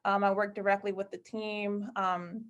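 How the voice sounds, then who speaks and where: A woman's voice: medium pitch, flat delivery, moderate pace, highs cut off. Chatty woman with lots of fillers. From Connecticut. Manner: friendly, rambling with many fillers and self-corrections. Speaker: guest speaker, college basketball staff. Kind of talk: casual panel talk on a video call.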